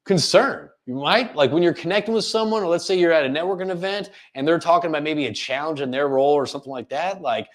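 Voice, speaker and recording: A man's voice: fairly high pitch, fast, hardly any pauses. A man hosting a live coaching webinar, talking casually and demonstrating different speaking tones, often checking in with listeners. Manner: animated, demonstrates vocal tones, asks listeners questions; casual filler-laden delivery with frequent "right?".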